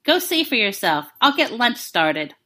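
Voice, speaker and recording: A woman reading the lines of a caring, dry-humored female spy in a brisk, lightly teasing way. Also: a little high, sing-song, sharp tone, pitched above the performer's own voice, heavily acted. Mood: warm.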